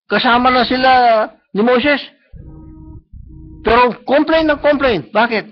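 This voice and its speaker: A man with a Filipino accent preaching a sermon, often checking in with the congregation and slowing down to stress quoted lines. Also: extremely high pitch, faint music behind. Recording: muffled live-stream recording.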